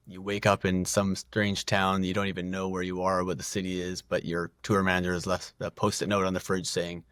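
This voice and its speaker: Low-voiced man rambling in a dry booth. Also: fairly bright tone, no room sound. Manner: rambling, self-deprecating, frequent restarts and laughs. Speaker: podcast guest. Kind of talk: casual podcast conversation.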